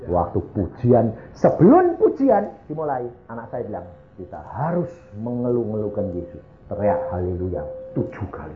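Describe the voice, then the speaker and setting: An older male pastor preaching a sermon, telling a story with loud high exclamations and hushed low asides. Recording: echoey, tinny phone-like recording.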